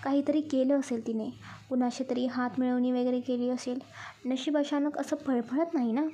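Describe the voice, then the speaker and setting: A woman's voice: high-pitched, steady tone, moderate pace. Woman reading as an irritable younger sister. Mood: irritated. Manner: sharp, resentful.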